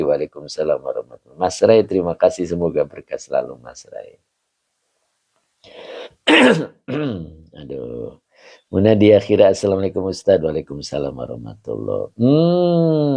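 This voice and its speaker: A man, an Islamic teacher greeting online viewers by name in a chatty way, often chuckling and clearing his throat. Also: sits low, warm tone. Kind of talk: greeting viewers of an online religious study session.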